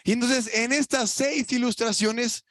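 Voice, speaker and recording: This young man preaches a sermon in church with a Mexican Spanish accent, his voice high for a man and his intonation fairly even at a measured pace. He speaks colloquially to the congregation, asking rhetorical questions and moving between loud, emphatic lines and quiet asides, recorded dry and close.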